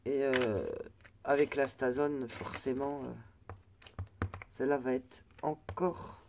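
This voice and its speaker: A woman's voice: a bass voice, steady tone, takes it slowly, a little mellow, a little hiss or hum. A woman vlogger chatting casually through a crafting haul, hesitant and full of fillers and restarts. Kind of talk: casual product haul chat.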